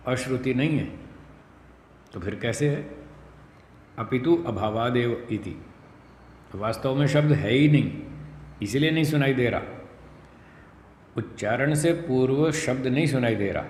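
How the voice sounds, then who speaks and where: Man lecturing in a reverberant hall. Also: mid-range voice. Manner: reads Sanskrit sutras slowly, then explains them plainly with repetition. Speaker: teacher of Nyaya philosophy. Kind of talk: classroom lecture on scripture. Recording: echoey classroom with long reverb, faint noise.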